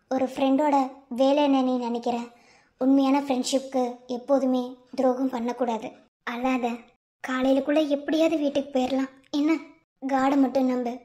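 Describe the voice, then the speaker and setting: Loyal comforting young heroine, gentle reassurance, high-pitched, played by a woman. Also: natural voice. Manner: comforting, then pleading. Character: young woman, loyal friend and defiant daughter. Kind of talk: TV serial acting.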